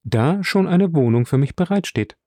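A man reading the part of a reserved, worldly wealthy count in a calm, measured way in an audiobook. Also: fairly high pitch, dry recording, studio quality, voice pushed up, natural voice. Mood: composed.

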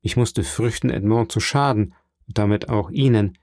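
A man's voice: lowish voice, normal speed, a little mellow, no room sound, clean studio sound, lightly acted. A man reading an audiobook and voicing a scheming, cunning male accountant in a sly, insinuating manner.

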